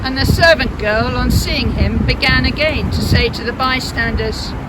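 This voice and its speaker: A man's voice: very high voice, normal speed, heavy background noise. A man narrator reading scripture as part of a dramatic reading.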